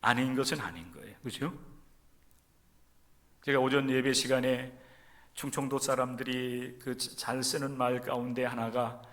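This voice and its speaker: A man from Chungcheong preaching a sermon in church, addressing the congregation directly and moving between loud, emphatic stresses and soft, near-whispered lines. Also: medium pitch, steady tone, a little slow, pauses often. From Chungcheong region, Korea. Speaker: pastor. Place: church sanctuary during a service.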